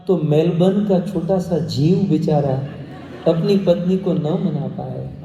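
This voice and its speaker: A man's voice: high-pitched, recorded from a distance, a little hiss or hum. Male preacher in a big echoey hall. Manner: animated, joking with the audience. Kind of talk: sermon storytelling. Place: large indoor sports stadium.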